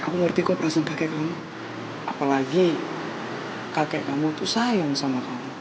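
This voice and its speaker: A man's voice: a little high, moderate pace, noisy background, lightly acted. An actor playing an earnest young college student who reassures his girlfriend tenderly. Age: young adult. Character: earnest young college boyfriend, sweet talker.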